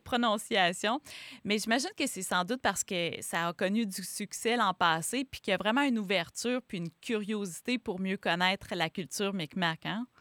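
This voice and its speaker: Quebecois radio host lady, clean dry studio voice, smooth intro then chatty questions. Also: medium pitch, moderate pace, a bit bright, no room sound. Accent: Quebec French. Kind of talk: radio interview.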